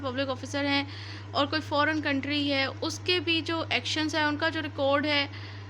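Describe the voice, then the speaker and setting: A law lecturer with a Pakistani accent teaches in a high, bright voice, explaining things step by step and switching into English terms. She repeats and rephrases points to make them clear, with faint noise in the background.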